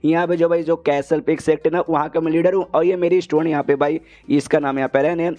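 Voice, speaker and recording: A man narrates a comic story in a loose, chatty style. His voice sits a little high with a mellow, warm tone. He rattles along at a rapid clip, calling the listener "brother" again and again. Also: steady tone. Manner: chatty, says "bhai" in nearly every line. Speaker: manhwa recap narrator. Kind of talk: casual story recap.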